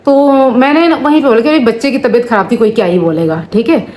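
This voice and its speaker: A woman's voice: fairly high pitch, fast, darkish tone, a little hiss or hum. A woman in her thirties, a family vlogger, explaining at length to camera in a casual, aggrieved way with many asides. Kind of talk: casual talking-to-camera vlog.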